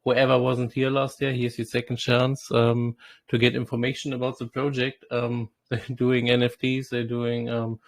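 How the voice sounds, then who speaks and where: A man's voice: medium pitch, monotone, normal speed, vocal fry, no echo. A man hosting an online interview in a casual, upbeat, promotional way. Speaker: host.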